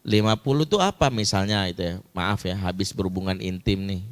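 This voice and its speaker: A man preaching as a family counselor, an animated storyteller who acts out the people in his story in a much higher voice. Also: brisk, clear, resonant tone. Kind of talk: storytelling talk to an audience.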